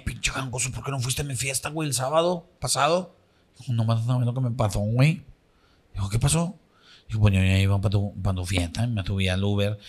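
Mexican guy doing stand-up, slangy, keeps jumping into squeaky high voices for the dialogue. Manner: slangy, repeats a catchphrase, acts out dialogue with sudden high squeaky bursts. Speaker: comedian telling a joke. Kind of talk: stand-up joke telling.

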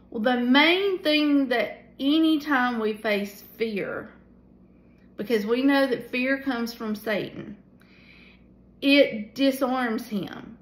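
A woman in her forties, tired at the end of the day, leads a casual devotional Bible study from a small room at home. She holds her phone camera at arm's length and speaks with many pauses and fillers. Her voice is fairly high and the room sounds reverberant.

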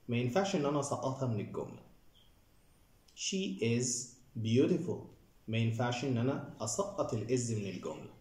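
A man's voice: medium pitch, a little mellow, reverberant. A man with an Egyptian Arabic accent teaching an English grammar lesson, explaining each rule step by step and speaking directly to his viewers.

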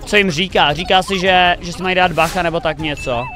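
A young man hosting a reaction video, commenting excitedly, thinking aloud and cheering the players on. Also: high-pitched. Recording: faint music behind the voice.

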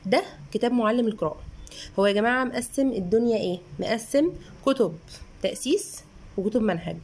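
A woman in her thirties with an Egyptian Arabic accent, a mother chatting earnestly through a casual book review and sometimes sounding out syllables slowly. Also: fairly high pitch, lively intonation, a little mellow, breathy edge. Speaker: mother reviewing children's books.

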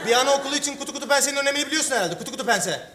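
A man's voice: extremely high pitch, expressive, very fast, pushed and bright. A man performing a stage comedy sketch, rambling through exaggerated excuses. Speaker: comedy sketch actor playing a boyfriend. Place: television studio stage with live audience. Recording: echoey stage with audience noise.

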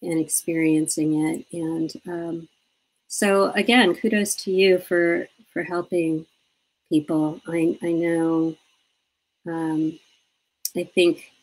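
A woman's voice: fairly low pitch, level tone, takes it slowly, poor audio. A woman interviewing a guest over a live video call, chatting casually and laughing as she tells stories. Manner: chatty, laughs often, acts out childhood quotes.

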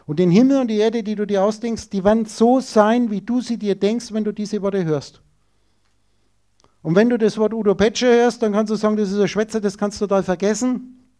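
A man's voice: high-pitched, normal speed, dark tone. A man giving an esoteric lecture, emphatic and rhetorical, speaking straight to his listeners.

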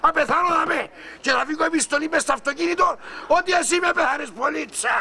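A shrill melodramatic Cypriot husband. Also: male voice, gravelly, exaggerated voice. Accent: Cypriot Greek. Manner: melodramatic, wailing and shouting. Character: fussy dramatic middle-aged husband. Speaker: husband in a sitcom. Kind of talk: sitcom acting.

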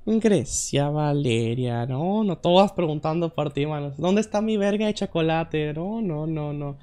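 High, clear-voiced joking Mexican streamer. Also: male voice, lively intonation, a little slow. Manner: loud and joking, swears often, reads chat aloud. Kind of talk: casual live-stream gaming chat.

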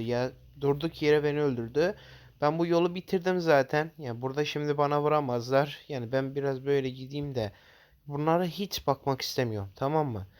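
A man giving casual gameplay commentary to his viewers, jittery and quick to swear in sudden loud outbursts. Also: medium pitch. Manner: talks straight to viewers as "guys". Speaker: gaming channel host.

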